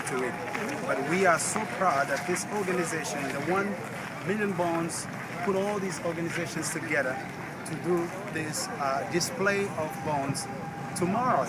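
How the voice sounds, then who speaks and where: Man, slightly high voice, urgent open-air appeal, phone mic, heavy outdoor noise. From Democratic Republic of Congo. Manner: earnest and urgent, hesitant with frequent fillers. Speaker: activist speaking to camera. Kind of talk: impassioned outdoor address to camera. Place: outdoors on a large public mall. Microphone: phone camera. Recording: loud outdoor background noise.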